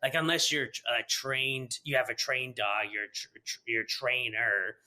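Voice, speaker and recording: Guy hosting a podcast, rambly and laughy, bright voice, middle pitch. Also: steady tone, normal speed. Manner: chatty, rambling, laughs often. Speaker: podcast host. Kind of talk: casual interview chat.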